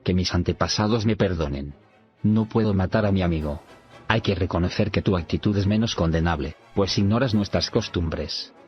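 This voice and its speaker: A man voicing a stern, honorable male warrior nobleman in an audiobook, in a grave, measured reading with a low voice. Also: natural voice. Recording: slightly dull recording with faint music.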